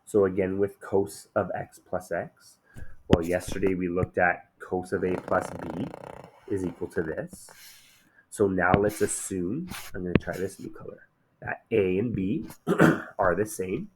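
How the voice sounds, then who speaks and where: Slightly hoarse from a day of shouting, a low-voiced man teaches math a little slowly and conversationally, frequently asking "okay?". There is background noise.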